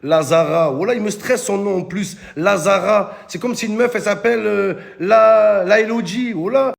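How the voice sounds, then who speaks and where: A man delivers a comic rant to camera. His voice sits high with a gravelly rasp. He talks in rowdy street slang and keeps hailing his viewers as "les gars". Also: moderate pace. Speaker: comedian.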